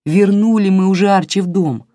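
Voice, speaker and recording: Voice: mid-range voice, moderate pace, warm tone, no room sound, studio quality, voice pushed up, close to an everyday voice. A reader voicing a matter-of-fact young woman.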